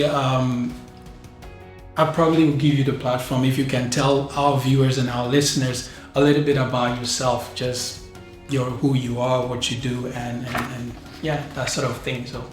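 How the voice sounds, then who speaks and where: A man hosting a podcast interview in a studio, rambling through his questions with many restarts and repeats. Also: mid-range voice. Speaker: podcast host. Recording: very echoey studio with faint music.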